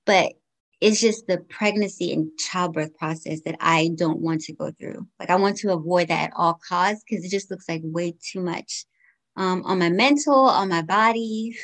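On a podcast, a woman in her forties answers interview questions in a candid, considered manner. She comes from Guyana, was raised in the U.S., and speaks at normal speed in a lowish voice.

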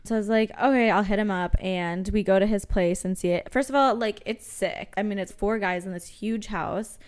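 Young woman, podcast co-host, casual chat, chatty, animated storytelling, mid pitch. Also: normal speed.

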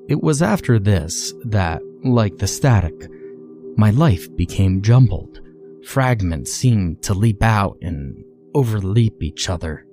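Over soft background music, a man with a low, dark, mellow voice tells a creepypasta story in the first person. He paces it slowly and deliberately, giving it a storyteller's flair for drama.

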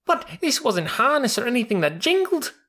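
Guy putting on a scared young mule, squealy and high, voice jumping around a lot, storybook animal. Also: big pitch swings, moderate pace, bright, forceful tone, full character voice. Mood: terrified. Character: frightened young male mule recruit.

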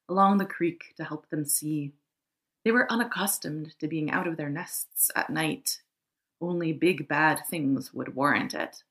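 A woman reads a fable aloud in calm, measured storybook narration. Her voice sits a little low. She is the co-host of a podcast.

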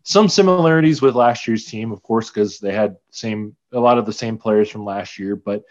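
A man's voice: lowish voice, normal speed, darkish tone. Man chatting about sports, dull lo-fi sound. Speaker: podcast co-host. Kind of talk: casual sports chat. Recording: slightly dull, lo-fi audio.

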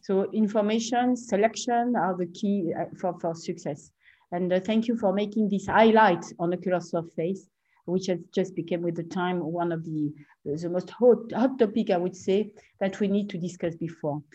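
A woman's voice: on the low side, moderate pace, warm tone, muffled recording. A woman moderating an expert panel discussion, courteous and a little wordy as she leads the conversation.

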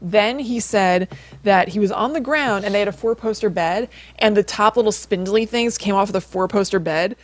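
Speaking at a normal speed and medium pitch, a woman co-hosting a podcast narrates a story conversationally. Her tone is informal, and she keeps dropping in "like" and "kind of."

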